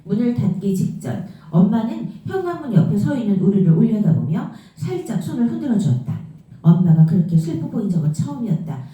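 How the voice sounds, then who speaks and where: A woman reading a novel aloud in a steady storytelling manner. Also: mid-range voice, brisk. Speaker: book reader. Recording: very roomy echo, mic far off.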